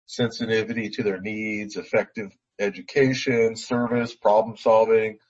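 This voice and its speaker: Low-voiced man, team leader, earnest. Husky tone, lo-fi call audio. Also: little pitch movement, normal speed. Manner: earnest, restarts phrases. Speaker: team leader being coached. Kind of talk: call conversation.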